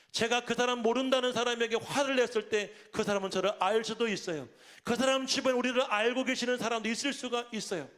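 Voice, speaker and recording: Animated high-voiced Korean pastor preaching. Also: male voice. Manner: animated storytelling, acting out angry quotes. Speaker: senior pastor. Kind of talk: storytelling sermon.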